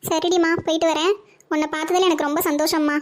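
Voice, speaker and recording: A woman's voice: very high-pitched, little pitch movement, quick pace. A woman voicing a fond, chatty elderly mother who dotes on young women and mutters to herself. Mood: doting. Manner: doting, sighing, talks to herself. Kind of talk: cartoon voice acting.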